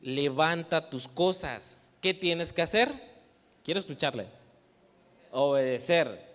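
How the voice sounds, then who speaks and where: A man's voice: fairly high pitch, animated, slow pace, a bit bright. A man with a Mexican Spanish accent preaching to a youth meeting, asking the audience questions, waiting for their answers and teasing them playfully. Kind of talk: sermon. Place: church hall. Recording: reverberant church hall.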